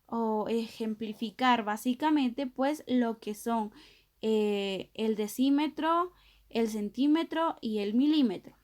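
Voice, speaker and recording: A woman's voice: on the high side, a little mellow. A woman teacher giving a recorded math lesson to children, explaining patiently step by step and often checking "¿verdad?".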